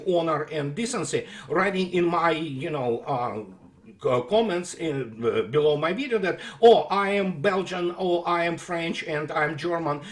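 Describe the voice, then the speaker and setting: A high-voiced man, a political commentator, delivers a sarcastic rant in an unscripted monologue. He's emphatic and sarcastic, with many fillers and restarts.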